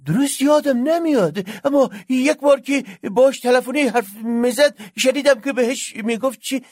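A man's voice: very high-pitched, a little mellow, no room sound, studio quality, pitched above the performer's own voice. A man voicing a frightened, sweating restaurant worker who whines and stammers nervously in an audiobook story. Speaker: narrator doing a character.

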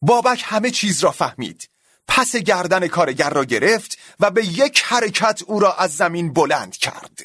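A man narrating a story in an expressive, dramatic audiobook style. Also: high-pitched, dry recording, clean studio sound.

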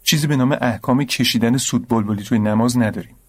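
An actor playing a patient, knowledgeable young man in a radio drama, firmly and calmly correcting his friend. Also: medium pitch, natural voice. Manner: calm, instructive, firm. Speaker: patient religious tutor.

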